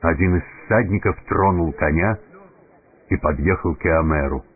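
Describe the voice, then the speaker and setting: A man narrating an audiobook fairy tale in a measured storytelling manner. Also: deep voice. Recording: tinny narrow-band recording, faint music.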